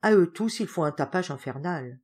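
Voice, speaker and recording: A stern middle-aged uncle, put on by a woman reader, speaks in a formal, reproving manner. The voice sits lowish yet moves with lively inflection, in a storybook reading. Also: moderate pace, slightly rough.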